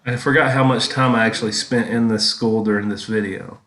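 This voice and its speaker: A man's voice: lowish voice, steady tone, brisk, fairly bright tone. A man giving casual, rambling commentary as he reminisces over his own vlog footage. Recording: echoey, roomy sound.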